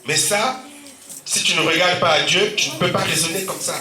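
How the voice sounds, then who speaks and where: With a cold and a sore throat, a man preaches as pastor in a church hall, his Central African French accent coloring frequent shouts of amen and alleluia. His high-pitched voice is pushed and bright, at normal speed, recorded from far off amid church echo.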